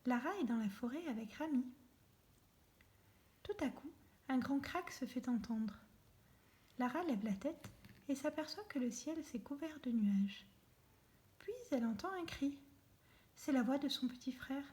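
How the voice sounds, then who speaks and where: A woman reading a children's story aloud, soft and often near a whisper. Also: sits high, animated, a little slow, long pauses.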